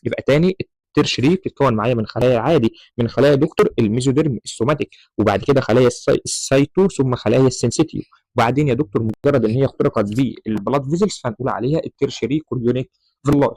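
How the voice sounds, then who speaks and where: This medical lecturer, a man with an Egyptian Arabic accent, walks medical students through embryology slides, often addressing the listener as "doctor" and slipping in English terms. His medium-pitched, slightly mellow voice moves rapid-fire, and the audio is poor though free of echo.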